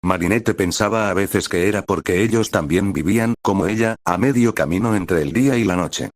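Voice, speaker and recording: A man reads a dark storybook chapter in a measured, dramatic way. His voice sits very low. The sound is dry and close. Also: dry recording. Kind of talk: scripted narration.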